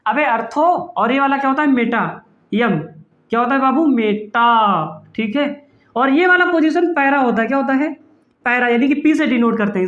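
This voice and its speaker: A man's voice: very high voice, a bit bright, echoey room, lo-fi sound. A male chemistry teacher giving an online class, playful and teasing, calling his students "beta" and answering his own questions. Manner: calls students "beta" affectionately.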